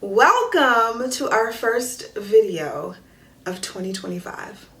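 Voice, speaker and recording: A lifestyle vlogger in her thirties talks directly to camera, upbeat and chatty as she gets her viewers excited for the year ahead. Her voice is on the high side, animated yet slow, and she sits far from the mic. The room is echoey, with faint music playing.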